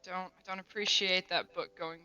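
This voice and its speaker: A woman's voice: lowish voice, fairly even intonation, moderate pace, sharp tone, low-quality recording. A woman playing a tabletop role-playing game, speaking in character as a player.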